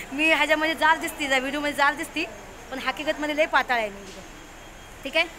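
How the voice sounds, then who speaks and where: A woman chatting with her viewers and the friend filming her as she travels by car to a bus depot. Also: high-pitched. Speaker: vlogger. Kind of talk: casual travel vlog. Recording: noisy phone video from a car and a depot. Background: traffic and street noise.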